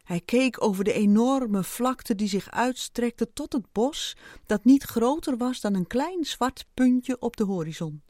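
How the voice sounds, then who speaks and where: Woman storyteller, slow and expressive, lively higher voice, dry close mic. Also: dry recording. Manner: expressive, unhurried reading. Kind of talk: storybook narration.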